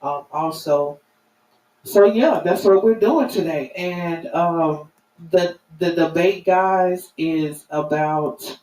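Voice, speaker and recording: A woman's voice: fairly low pitch, a little mellow. Earnest woman streamer in echoing room. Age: middle-aged or older. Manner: earnest, halting, emphatic. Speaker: live-stream host. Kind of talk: informal spoken commentary to viewers. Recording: roomy, distant mic, faint noise.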